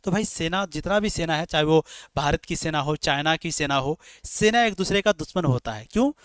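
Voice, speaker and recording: Male tutor with a high voice for an exam-prep class, explains by repeating himself and answering his own questions. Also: lively intonation, fairly quick, fairly bright tone, clear, resonant tone, no echo. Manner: repetitive, explains in rhetorical questions, calls students dear children. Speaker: teacher.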